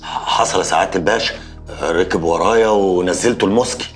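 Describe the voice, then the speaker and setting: Actor as a shifty Egyptian local, low fast voice, music under. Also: male voice, lightly acted. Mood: fawning. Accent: Egyptian Arabic. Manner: fawning and evasive. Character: nervous neighborhood man questioned by police.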